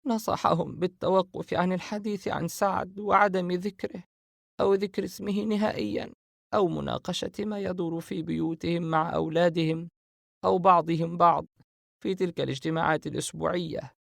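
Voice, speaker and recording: A man's voice: sits high, steady tone, creaky, no room sound, studio quality, voice pushed up. Man doing a solemn, raised-voice older sister. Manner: solemn, measured explaining. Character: grave, knowing older sister. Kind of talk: audiobook character reading.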